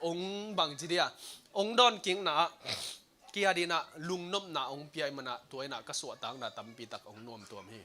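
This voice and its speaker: A man preaching a sermon at a church service streamed online, talking in an animated way and laughing now and then. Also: fairly high pitch, moderate pace.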